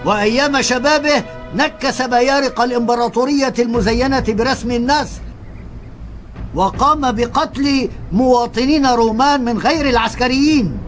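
Very high-pitched haughty Roman herald. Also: male voice, normal speed, soft background music. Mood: haughty, accusing. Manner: declamatory herald's proclamation. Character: Roman crier, haughty herald denouncing a rebel. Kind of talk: dubbed historical drama acting.

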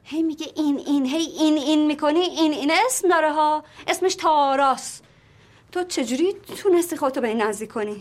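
A woman plays a sharp-tongued young woman with a high voice. She speaks in a combative, sarcastic way and keeps challenging everyone around her. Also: close to an everyday voice. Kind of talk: TV drama acting.

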